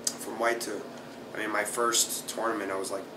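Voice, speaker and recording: Seated in an office chair in a small, plain room, this Brazil-born, South Florida-raised jiu-jitsu fighter and instructor in his thirties gives casual interview answers. His voice is low and fairly monotone, his pace normal, and his easygoing delivery is packed with fillers like "uh" and "you know." The camera records him from afar, so the sound is reverberant, with a noisy hum underneath.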